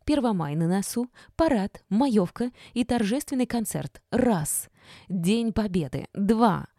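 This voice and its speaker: A woman reading an audiobook, voicing a spiteful, mocking young woman who taunts and bosses people around with a drawn-out sneer. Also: medium pitch, lively intonation, mellow, dry recording, clean studio sound, voice pushed up. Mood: indignant. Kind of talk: audiobook character voice.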